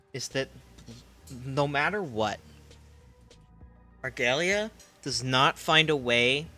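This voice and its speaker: Bright-voiced, animated man streamer. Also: medium pitch. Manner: animated, laughing, rambling. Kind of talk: casual chat while gaming on a stream.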